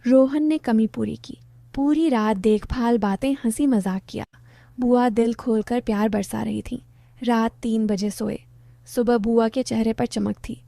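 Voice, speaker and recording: A woman narrates a story in an even, plain way. Her voice sits a little high but sounds mellow and soft-edged. The recording is close and dry, with no room around it. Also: unhurried, creaky, no echo.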